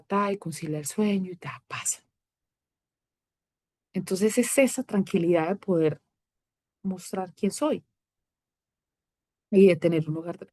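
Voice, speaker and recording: A woman in her thirties speaks as a podcast guest, her voice sitting a little low. She tells personal stories with animated energy and slips into the voices of the people she quotes. The sound is close and dry. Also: no room sound. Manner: animated storytelling, acting out quoted exchanges. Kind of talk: personal testimony in casual conversation.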